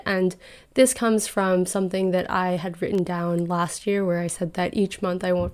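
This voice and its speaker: Alone at her podcast microphone, a woman in her twenties reflects on life advice, sounding earnest and conversational. Her smooth voice leans low with a somewhat dark tone.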